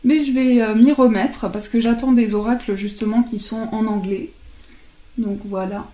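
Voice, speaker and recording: A woman casually presenting oracle card decks, chatting and laughing softly at herself as she translates card titles aloud. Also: fairly high pitch, steady tone, normal speed, reverberant.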